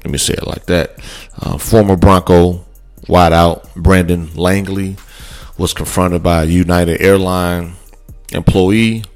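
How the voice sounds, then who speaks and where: A man's voice: low-pitched, fairly even intonation, unhurried, a little mellow. A man hosting a sports podcast, talking loosely and conversationally with many fillers and restarts. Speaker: podcast host. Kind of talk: casual sports talk.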